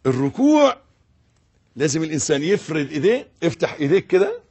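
Egyptian male preacher, slightly high voice, emphatic repetitions, loud-soft dynamics. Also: big pitch swings, quick pace, husky. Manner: swings between loud emphatic bursts and soft hushed tones, repeating words. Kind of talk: sermon. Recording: audio recording.

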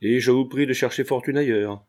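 A man's voice: medium pitch, lively intonation, normal speed, a little mellow, lightly acted. A man reading aloud and voicing an earnest, romantic young painter who speaks firmly. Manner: firm, earnest.

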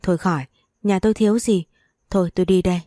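A woman's voice: on the low side, steady tone, fast, mellow, no echo, studio quality, lightly acted. A woman reading the part of a haughty rich mistress who speaks coldly and dismissively.

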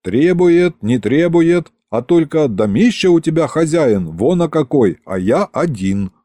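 A man's voice: fairly high pitch, lively intonation, a little slow, mellow, dry recording, clean studio sound, voice pushed up. A man voicing a small, grumbling male house spirit who complains constantly.

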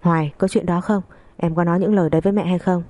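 A woman's voice: fairly low pitch, fairly even intonation, quick pace, warm tone, no echo, natural voice. A woman doing a stern, angry young husband. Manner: stern, scolding. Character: frustrated young husband, quick to anger.

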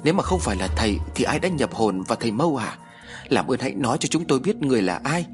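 A man's voice: mid-range voice, very animated, quick pace, over music, close to an everyday voice. A man voicing an anxious young woman who stammers and pleads.

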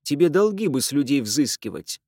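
A man's voice: fairly high pitch, big pitch swings, a little fast, darkish tone, no room sound, clean studio sound, voice pushed up. A man reading aloud voices an irritable young man complaining about his pestering younger sister. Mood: exasperated. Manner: grumbling, exasperated. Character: irritable young man, exasperated older brother.

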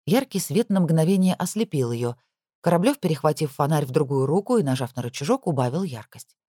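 An audiobook narrator reading a story with expressive, lively storytelling. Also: medium pitch, brisk, slightly rough, dry recording, studio quality.

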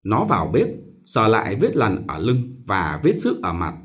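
Guy reading a short story out loud, really animated up and down voice. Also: lowish voice, moderate pace. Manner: expressive, lively storytelling. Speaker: narrator.

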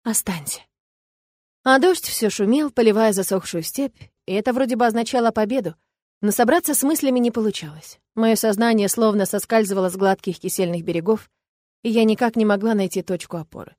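A woman narrating a first-person fantasy romance audiobook in a lively, expressive way. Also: mid-range voice, brisk, no room sound. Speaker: audiobook reader. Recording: dry close recording.

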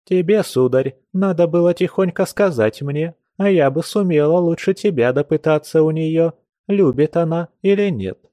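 A man's voice: normal speed, mellow, no echo, studio quality, close to an everyday voice. A man reading an audiobook, voicing a stern, fussing old grandmother who scolds. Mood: scolding. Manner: scolding, raised higher voice.

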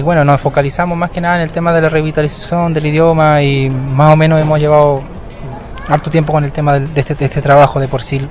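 A young man, a Mapuche language teacher telling his story in a casual interview, hesitant with many fillers and restarts. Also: fairly high pitch. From southern Chile. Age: 20s. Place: outdoors at a bus terminal.

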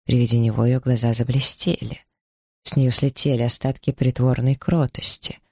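A man reading a novel aloud in measured, even storytelling narration. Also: medium pitch, creaky, no room sound, clean studio sound. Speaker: audiobook narrator. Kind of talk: scripted narration.

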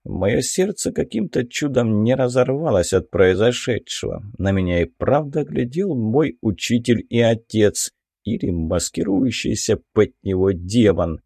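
Lively, warm male audiobook narrator. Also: fairly low pitch, a little slow, gravelly, husky, dry recording, studio quality. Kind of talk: first-person audiobook narration.

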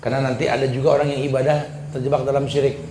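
A man's voice: mid-range voice, little pitch movement, very fast. A man preaching a conversational, humorous sermon, reciting verses and mimicking voices to make his points. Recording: echoey room with faint background noise.

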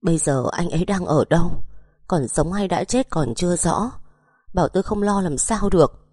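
A woman's voice: fairly low pitch, lively intonation, moderate pace, warm tone, breathy edge, dry recording, studio quality. A woman narrator voicing a grieving, panicked young wife who begs to be taken along. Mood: distraught. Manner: pleading, distraught.

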